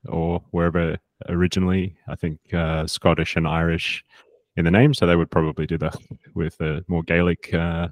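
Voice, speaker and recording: A man's voice: low-pitched, little pitch movement, normal speed, dry recording. A man in his thirties, born in South Africa and raised in Australia, talking casually as a fitness coach guest. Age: 30s. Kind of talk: casual interview.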